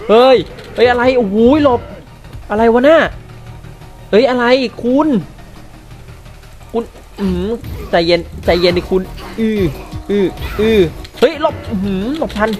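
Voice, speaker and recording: Excitable man commenting on his gameplay. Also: high voice. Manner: excitable, loud exclamations, swears at the game. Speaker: gamer. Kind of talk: let's play commentary.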